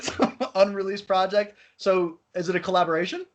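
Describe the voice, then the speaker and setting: Guy on a voice chat call asking questions, kinda high voice, muffled lo-fi audio, swears a lot. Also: flat delivery, a little fast. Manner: loose and casual, swears, restarts words. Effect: remote voice over an online voice-chat call. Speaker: interviewer. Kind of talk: casual interview chat.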